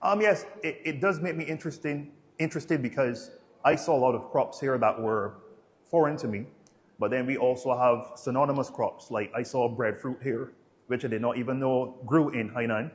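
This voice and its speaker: Husky and mid-pitched, this Barbadian man in his 30s speaks at an ordinary pace with a Bajan accent. As a travel vlogger, he chats about his trips and responds to interview questions in a relaxed, colloquial way.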